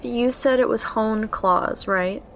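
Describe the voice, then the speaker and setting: A woman with a fairly high voice chats casually as a podcast co-host. She asks playful, jokey questions in a light manner. A faint hiss runs beneath her voice. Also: slow. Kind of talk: casual chat.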